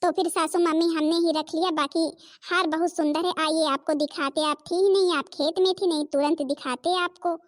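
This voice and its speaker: A woman's voice: very high-pitched, steady tone, normal speed, no echo, studio quality. A woman voicing an anxious young daughter-in-law in a cartoon, pleading and flustered. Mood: polite.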